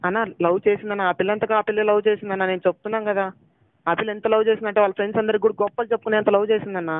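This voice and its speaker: A young man argues over a tinny phone line, high-pitched and pleading, firing off accusations at breakneck speed. The sound is dry and close, squeezed into a narrow phone band. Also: level tone, no room sound. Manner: pleading, accusing, rapid and insistent. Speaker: jilted boyfriend on a phone call. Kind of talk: heated phone argument. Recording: tinny phone call recording.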